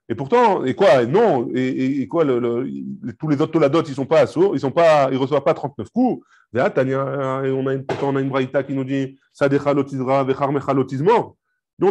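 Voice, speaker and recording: A man with a fairly high voice teaches a live Talmud class. He explains each step with Hebrew and Aramaic terms and keeps checking that his students follow. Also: a little mellow.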